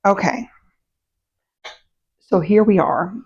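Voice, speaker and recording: A woman chatting casually to her camera as a vlog host, her voice still a little rough in the morning, meandering with fillers and self-corrections. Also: mid-range voice, slow pace, darkish tone. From United States. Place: home, indoors. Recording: dull, muffled sound.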